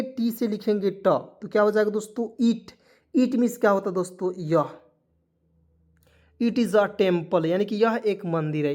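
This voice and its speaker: Repetitive, coaxing male language teacher. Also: sits high. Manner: addresses viewers as friends constantly, asks questions then answers them; spells words letter by letter, repeats key points. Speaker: English teacher and channel host. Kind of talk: spoken video lesson with motivational asides.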